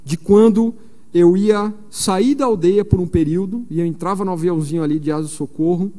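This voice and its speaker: A man's voice: high voice, fairly quick, dark tone. A man in his forties from São Paulo, preaching at a missionary conference in a chatty storytelling way, full of fillers. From São Paulo, Brazil. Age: 40s. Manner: conversational storytelling with frequent fillers. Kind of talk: conference sermon. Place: large church. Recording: long reverb of a large church hall.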